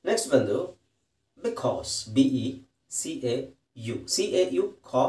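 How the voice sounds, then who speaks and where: A man teaches English pronunciation slowly and carefully, spelling each word out letter by letter. His pitch rises and falls a lot. He sounds a little far from the mic, in a room with a lot of echo. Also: big pitch swings, mellow. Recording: roomy echo, distant from the mic.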